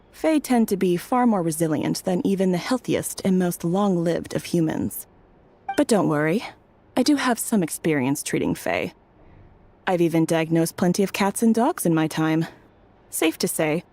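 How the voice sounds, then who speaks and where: A woman playing a calm, courteous and reassuring doctor in a video game. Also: on the low side.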